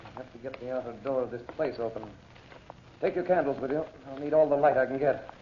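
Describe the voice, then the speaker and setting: Actor as commanding American magician hero, vintage radio. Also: male voice, mid-range voice, natural voice. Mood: firm, urgent. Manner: brisk, authoritative. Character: Frank Chandler, commanding American magician and protective uncle. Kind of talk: old-time radio adventure serial acting. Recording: dull, noisy old radio recording.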